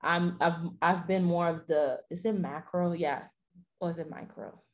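A young woman with a slightly low voice hosts a relaxed podcast chat. She is informal and talkative, tossing out questions and reacting with animated surprise. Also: moderate pace, dull audio. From Haitian. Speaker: podcast host. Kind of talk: casual chat.

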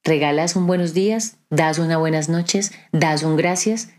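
Speaking a little slowly in a low, darkish voice, a podcast host delivers a reflective monologue. Her tone is conversational but preachy, and she keeps asking her audience rhetorical questions.

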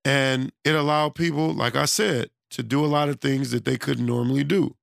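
In a dry recording, a creaky, medium-pitched man talks at normal speed with fairly even intonation. He's from the United States, self-employed with a studio, and losing his voice, and his casual monologue rambles loosely with lots of restarts and fillers.

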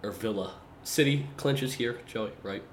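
Excitable man co-hosting a casual podcast, speaking in a somewhat low voice and teasing his partner. He sits on a video call, with a faint hiss of room ambience behind him. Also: measured pace. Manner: excitable, teasing, calls his co-host by name often. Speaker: podcast co-host. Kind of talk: casual chat.

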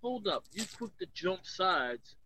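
High-voiced man, heated and profane. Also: big pitch swings, measured pace, sharp tone, a little hiss or hum, rough recording. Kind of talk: casual chat.

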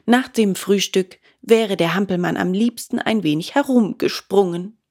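A woman reading a children's book aloud in a calm, measured way. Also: medium pitch, breathy edge. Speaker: audiobook reader.

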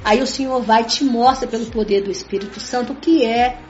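A high-pitched woman talks through her faith in an earnest, emphatic way, circling back to the same points and calling out to her listeners again and again. Her voice bounces around a reverberant room. The sound is dull and muffled, with soft music underneath. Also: fairly quick. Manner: repetitive, keeps addressing listeners as "gente". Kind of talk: conversational religious talk.

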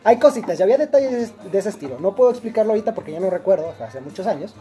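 A man's voice: high-pitched, lively intonation, very fast, warm tone. A young man with a Mexican accent telling a long personal story in a casual chat, slangy and rambling, with many restarts.

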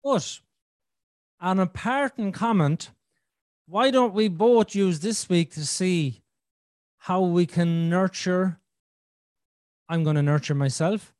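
A man's voice: high-pitched, takes it slowly, pauses often, a little mellow, no echo, studio quality. A man hosting a podcast in casual, candid conversation, with a blunt, sweary, joking manner. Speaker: podcast host.

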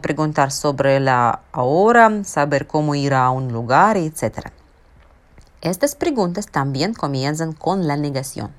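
Brief: woman teacher, low voice with lively melody, unhurried and deliberate. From Russia. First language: Russian. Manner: careful, deliberate explanation with spoken examples. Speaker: Russian language teacher. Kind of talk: explaining a language lesson.

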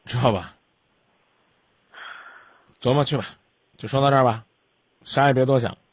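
A man's voice: mid-range voice, moderate pace, breathy edge, dry recording. A man hosting a radio call-in advice show, talking bluntly with scolding sarcasm.

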